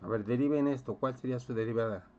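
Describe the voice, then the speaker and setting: A man's voice: mid-range voice, fast, mellow. A male physics teacher lectures step by step through a classroom lesson. He keeps checking in with his students and quizzing them as he goes. The recording sounds dull and muffled.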